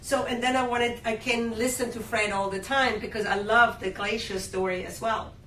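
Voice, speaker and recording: A woman's voice: fairly high pitch, fairly even intonation, normal speed, sharp tone. Chatty woman selling skincare. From Austria. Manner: chatty, enthusiastic sales talk with many fillers. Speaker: skincare brand host. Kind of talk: live shopping-show interview. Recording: roomy, distant mic, faint hum.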